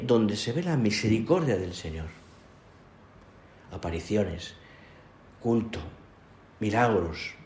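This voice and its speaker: A man giving a sermon as a priest, pausing often, repeating words and adding tag questions. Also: on the low side, vocal fry, darkish tone. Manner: halting, repeats words, frequent "¿eh?" tags. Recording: echoey room, faint ambience.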